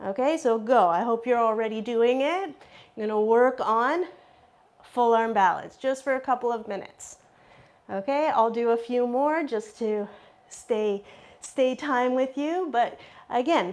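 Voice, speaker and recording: A woman teaching a yoga class, cueing poses with short repeated commands and checking in with her students, at times out of breath. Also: fairly high pitch. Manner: encouraging, checks in with "okay?". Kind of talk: live yoga class instruction.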